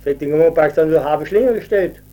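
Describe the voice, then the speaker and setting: A man's voice: on the high side, fast talker, mellow. An older man with a who tells a rambling folk tale and acts out the people in it. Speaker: storyteller. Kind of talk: folk storytelling.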